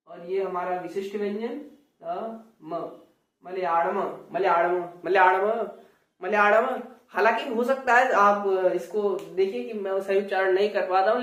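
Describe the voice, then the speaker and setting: A man teaching Hindi in a classroom style. He explains patiently, repeats words, and slowly demonstrates each sound. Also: high voice. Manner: slow, repetitive demonstration of sounds. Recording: roomy sound from a distant mic.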